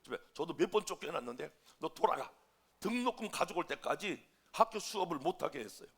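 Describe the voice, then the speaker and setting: A middle-aged man preaching a sermon as a pastor, telling stories and acting out voices, shifting between shouts and whispers. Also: a little high, fast talker, vocal fry, breathy edge. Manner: animated storytelling, acting out quoted voices, shouting then whispering. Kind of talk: sermon with storytelling. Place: church sanctuary.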